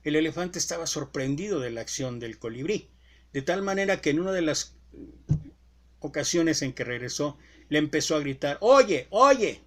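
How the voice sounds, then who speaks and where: A male preacher giving a sermon with deliberate emphasis and rhetorical questions. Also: on the high side.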